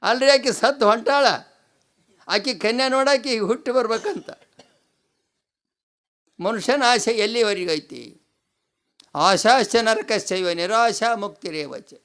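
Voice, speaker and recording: Man, North Karnataka Kannada accent, devotional preacher, high pitch, smooth resonant voice, rhetorical questions. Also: slow, long pauses, a bit bright. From North Karnataka, India. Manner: rhetorical questions to the audience, repeats key phrases. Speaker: swami preaching a pravachana. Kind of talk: devotional discourse.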